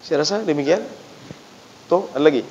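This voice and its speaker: A man's voice: a little high, moderate pace, a little hiss or hum. A man with an Acehnese accent preaching a sermon in a prayer room, telling stories animatedly and addressing listeners directly. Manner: lively, animated storytelling, often addressing listeners as "Pak". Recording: dull lo-fi sound.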